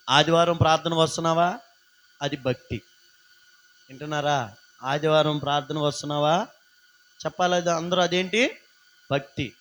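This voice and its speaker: A man's voice: high-pitched, a bit bright, rough recording. A man pastor preaching a live sermon, singing refrains and calling out questions to the congregation. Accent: Telugu.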